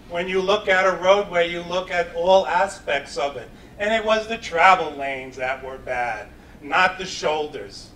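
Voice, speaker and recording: A man's voice: on the high side, pushed and bright. A man from New York giving an earnest, plainspoken campaign statement at a town debate. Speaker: town candidate. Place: public meeting hall. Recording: echoey room from a distant mic, faint noise.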